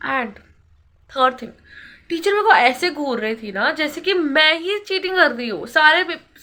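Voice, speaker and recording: A young woman, telling a story casually in a vlog, animated and dropping English words into her talk. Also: high voice. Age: young adult. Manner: animated, mixes Hindi and English. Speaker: vlogger.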